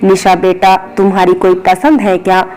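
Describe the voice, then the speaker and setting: A woman's voice: on the low side, little pitch movement, normal speed, a little mellow, smooth, close to an everyday voice, low-quality recording. A woman voicing an affectionate older mother-in-law in a spoken story, coaxing and loving.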